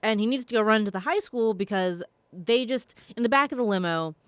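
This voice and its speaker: A woman's voice: a little high, lively intonation, fairly quick, a bit bright, dry recording. A woman co-hosting a podcast in casual chat, talking freely and laughing between sentences. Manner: chatty, laughs while talking. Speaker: podcast co-host.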